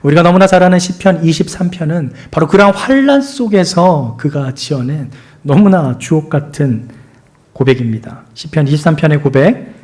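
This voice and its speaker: Expressive Korean male pastor preaching. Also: fairly high pitch, normal speed. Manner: earnest, expressive preaching, leads the congregation. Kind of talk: sermon.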